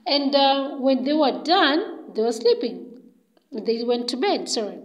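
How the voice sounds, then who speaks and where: A woman's voice: high voice, expressive, unhurried, muffled recording. A woman telling a story in a casual, chatty way, loose and full of fillers.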